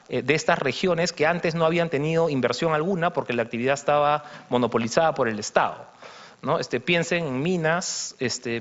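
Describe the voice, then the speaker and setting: A man walks an audience through slides, explaining patiently and peppering his points with fillers and tag questions. His voice sits a little high and carries the long reverb of a large conference hall. The broadcast sound is somewhat dull and muffled. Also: fairly bright tone. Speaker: economist presenting at a conference.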